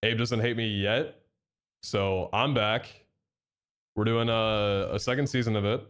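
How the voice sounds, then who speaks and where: His lowish voice is unhurried and smooth, though a head cold adds a bit of nasality. A young man on a live stream, he chats excitedly with his audience, reading messages aloud and thanking subscribers.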